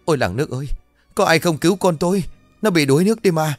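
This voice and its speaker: A man's voice: fairly low pitch, animated, brisk, soft background music, lightly acted. Man putting on a frightened old village mother. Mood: grieving. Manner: trembling, wailing pleas.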